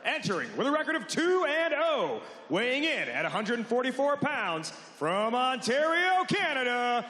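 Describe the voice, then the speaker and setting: A man announcing a fight to an arena crowd, calling out names in drawn-out booming calls. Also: sing-song, bright, forceful tone. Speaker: ring announcer. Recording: echoey arena with long reverb.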